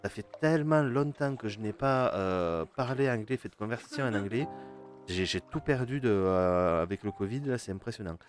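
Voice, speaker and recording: A man's voice: fairly low pitch, animated, normal speed, faint music behind. A man streaming a game live, hesitant and full of fillers, chatting with his viewers and reading game text aloud. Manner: hesitant, many fillers and restarts, chats with viewers.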